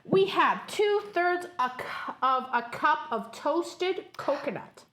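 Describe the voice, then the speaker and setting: A woman's voice: high voice, animated, slow, fairly bright tone, a little hiss or hum. A woman from Canada hosting a cooking segment, bubbly and gushing, laughing often. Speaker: host. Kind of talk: lively cooking segment chat.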